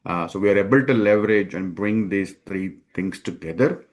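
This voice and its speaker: A man being interviewed as a company founder, speaking in a measured way with many hesitations. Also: deep voice. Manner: measured, many ums and uhs. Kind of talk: conversational interview.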